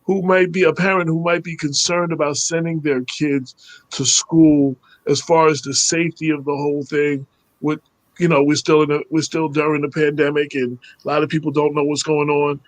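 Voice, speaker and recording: Male talk radio host, slightly high-pitched, dry mic, stumbles through long questions. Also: no echo, low-quality recording. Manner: halting, searching questions. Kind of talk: radio interview.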